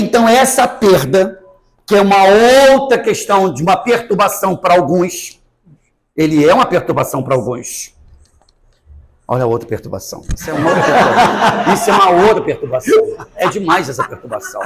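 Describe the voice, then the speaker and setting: A middle-aged Brazilian man giving a spiritist talk in a Brazilian Portuguese accent, acting out dialogue as he tells stories. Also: high voice. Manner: animated storytelling, acting out dialogue. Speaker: spiritist lecturer. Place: spiritist center hall.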